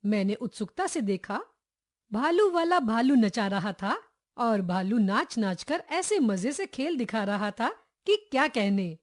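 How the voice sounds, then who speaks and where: Woman storyteller, animated and higher pitched, voices the characters, school story reading. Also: a little slow. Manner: expressive, acts out each character's lines. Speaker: textbook chapter reader. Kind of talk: storytelling read-aloud for children.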